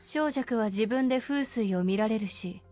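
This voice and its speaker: An actress voicing a composed adult woman in a game, speaking in a measured, matter-of-fact way. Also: fairly high pitch, a little mellow, soft background music, lightly acted. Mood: calm. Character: composed, cold adult female strategist.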